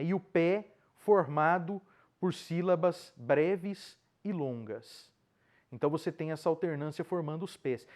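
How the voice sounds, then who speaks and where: A man lecturing on poetry and translation, explaining step by step and often checking in with a quick "né?". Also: on the high side, darkish tone. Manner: explanatory, with frequent checking "né?" and restarts. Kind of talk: spoken lecture.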